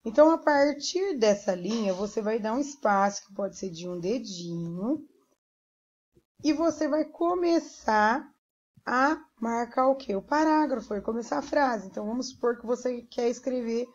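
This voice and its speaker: A woman's voice: a little high, darkish tone. A Brazilian woman teacher giving a primary school lesson, patiently spelling out sounds and syllables one by one. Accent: Brazilian Portuguese. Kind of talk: remote classroom lesson. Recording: dull lo-fi recording.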